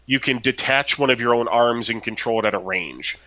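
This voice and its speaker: A podcast co-host with a mid-range, pushed, bright voice chats casually and fairly quickly about a role-playing game. He rambles, using lots of fillers and tag questions, and the audio sounds dull.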